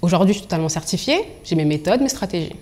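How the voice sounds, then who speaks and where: Speaking rapid-fire and on the low side, this young adult woman from Angola and Congo shares her own story as a professional coach being interviewed. She comes across as articulate and expressive.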